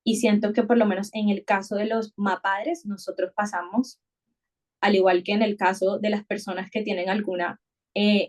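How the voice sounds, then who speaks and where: Hosting a reflective podcast conversation, a woman with a fairly high yet darkish voice works through ideas thoughtfully. She frequently starts over and repeats words along the way.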